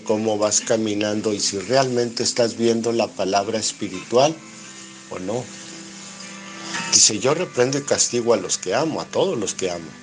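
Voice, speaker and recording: A Mexican-accented preacher with a fairly low voice leads a Bible study sermon. He reads scripture aloud, explains it line by line, and poses rhetorical questions that he then answers himself.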